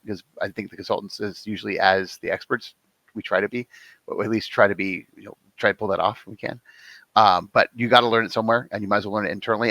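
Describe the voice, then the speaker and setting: Fast-talking man on a panel. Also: lowish voice, bright, forceful tone, no echo, low-quality recording. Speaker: incident response panelist. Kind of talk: casual panel discussion.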